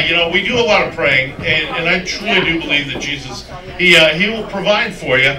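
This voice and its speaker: A man's voice: a little high, recorded from a distance. A man doing a rambling, self-mocking stand-up routine full of crude jokes. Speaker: stand-up comedian. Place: comedy club stage. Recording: roomy club sound from afar with crowd. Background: audience laughter.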